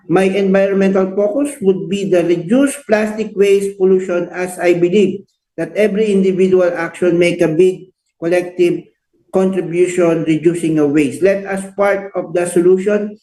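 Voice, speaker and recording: A man's voice: high-pitched, steady tone, moderate pace, warm tone, roomy sound, poor audio. A Filipino man hosting a radio show, chatting casually, mixing Tagalog and English and ending lines with "no?". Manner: frequent "no?" tag questions, mixes Tagalog and English. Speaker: radio host. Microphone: headset.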